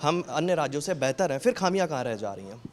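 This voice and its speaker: A man's voice: a little high, big pitch swings, fast. Probing reporter, a man with a raised voice. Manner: probing, restarts mid-question. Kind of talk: interview questions.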